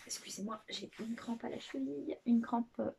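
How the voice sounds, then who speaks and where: A woman presenting books in a casual vlog chat, hesitant and chatty, with many filler pauses and restarts. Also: fairly high pitch, gravelly, a little mellow, a little hiss or hum. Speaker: book vlogger.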